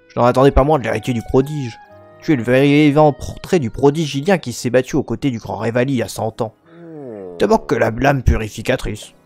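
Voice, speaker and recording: A man's voice: medium pitch, a little mellow, natural voice. A man voicing a very old, grateful bird-man village chief from a game, in a solemn old man's voice. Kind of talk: reading game dialogue in character.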